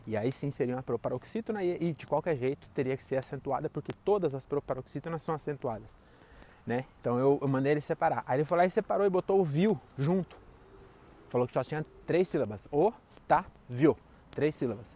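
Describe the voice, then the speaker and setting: A man's voice: a little high, quick pace, warm tone, a little hiss or hum. A young Brazilian man talking to camera while walking outside, rambling and sarcastic, with faint background sound. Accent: Brazilian Portuguese. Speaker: vlogger. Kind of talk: walking vlog monologue. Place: outdoors, walking.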